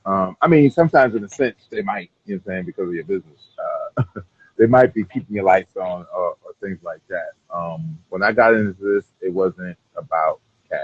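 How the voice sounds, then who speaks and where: Male interview guest, low and raspy, loose rambling conversational delivery, slightly muffled lo-fi sound. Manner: rambling, repeats "you know what I'm saying". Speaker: cigar brand owner being interviewed.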